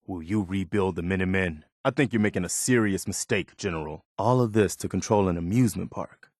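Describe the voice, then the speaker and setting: A loyal, morally firm militia officer from a video game talks in a sincere, plain way, his fairly low voice captured close and dry without echo. He moves briskly and sounds curious and bemused.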